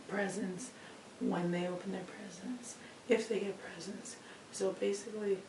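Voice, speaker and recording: A woman teacher presenting a lesson informally, her lost voice hoarse, croaky and effortful, often breaking into a breathy whisper. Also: medium pitch. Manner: effortful, pushing to be heard. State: hoarse, strained, breaking voice from voice loss. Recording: roomy, distant mic with clear background noise.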